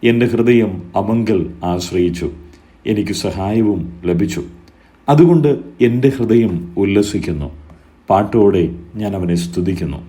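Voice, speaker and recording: A man giving a solemn scripture reading, measured and phrase by phrase, lifting his voice on each invocation. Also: fairly low pitch, lively intonation, mellow. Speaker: scripture reader.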